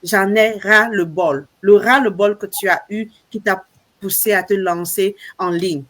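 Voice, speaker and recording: Brief: woman host of a live stream, mid-pitched voice, emphatic and repetitive. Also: steady tone, unhurried. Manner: warm, emphatic, repeats herself. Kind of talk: hosting a group live stream.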